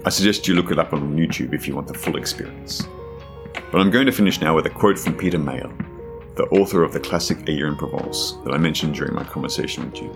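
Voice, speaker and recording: A man hosting a podcast, thanking his guests and reading a measured closing monologue. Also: extremely low pitch, vocal fry, music in the background. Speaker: podcast host. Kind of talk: conversational podcast interview and scripted outro.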